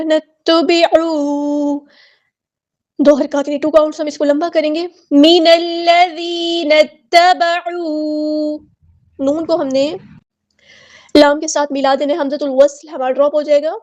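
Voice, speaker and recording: High-voiced woman teaching Quran recitation. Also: flat delivery, mellow. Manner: slow, repeats single sounds and words as models. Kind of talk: tajweed lesson, explaining word by word.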